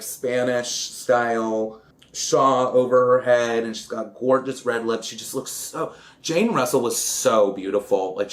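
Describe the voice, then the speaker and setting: A man chatting in a campy, dramatic way while recapping an old film and doing his makeup, with giggly asides. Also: mid-range voice. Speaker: vlogger.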